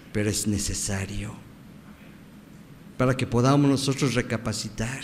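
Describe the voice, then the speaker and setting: A man with a Mexican Spanish accent preaching a sermon as pastor, swinging from loud emphasis to hushed words. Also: mid-range voice. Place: church sanctuary. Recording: church hall reverb, faint background noise.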